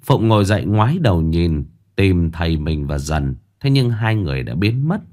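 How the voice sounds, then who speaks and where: A man narrating a ghost story in an expressive storytelling manner. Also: low-pitched, normal speed.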